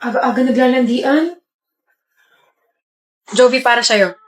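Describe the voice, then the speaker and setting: A woman's voice: a little high, measured pace. Young woman in an echoey room. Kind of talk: comedy skit acting.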